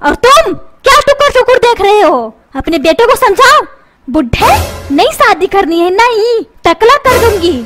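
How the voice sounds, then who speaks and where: A woman voicing a bossy, sharp-tongued cartoon mom. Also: very high voice, very animated, a little slow, exaggerated voice. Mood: scolding. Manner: scolding, threatening. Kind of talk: cartoon voice acting. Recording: music playing underneath.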